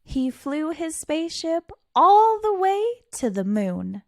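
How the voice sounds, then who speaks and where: With a high-sitting voice and big pitch swings, a woman storytime reader reads a children's picture book aloud theatrically, using dramatic pauses and stretched words for emphasis. The sound is clean studio audio with no room sound.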